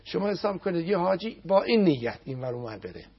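A man giving a televised religious talk, speaking emphatically and chanting prayers slowly with repetition. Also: sits high, sing-song, slightly rough, dull audio.

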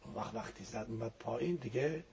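A man's voice: medium pitch, animated, creaky, a little mellow, slight background noise. A man giving a religious talk as a guest on a program, teaching earnestly and quoting Arabic prayers, his voice sometimes sinking to a near whisper.

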